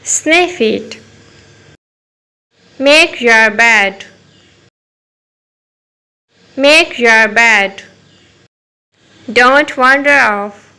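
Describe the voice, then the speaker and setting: Woman, English teacher for kids; slightly high, crisp delivery, each line repeated. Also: bright, forceful tone, poor audio. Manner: slow, clear, each phrase said twice. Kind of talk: repeating phrases for learners.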